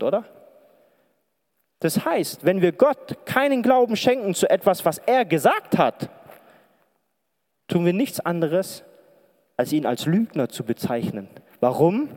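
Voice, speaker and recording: A man's voice: fairly high pitch, warm tone. Man preaching in a reverberant hall. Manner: conversational, asks the audience many questions. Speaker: preacher and pastoral counselor. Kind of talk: sermon. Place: lit stage before an audience in a large hall.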